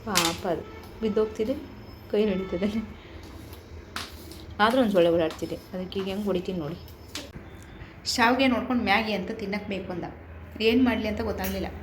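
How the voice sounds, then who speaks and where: A woman's voice: mid-range voice, a little fast, long pauses. A woman with a Malnad Kannada accent chatting casually to her viewers at home and coaxing her little son in playful baby talk. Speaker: vlogger. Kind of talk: casual home vlog chat. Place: home indoors. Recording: noisy home phone recording.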